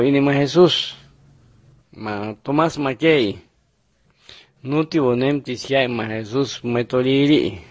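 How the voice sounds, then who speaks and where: A man narrating numbered Bible picture lessons in a steady, measured reading style. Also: mid-range voice, dry recording. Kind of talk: scripted religious narration.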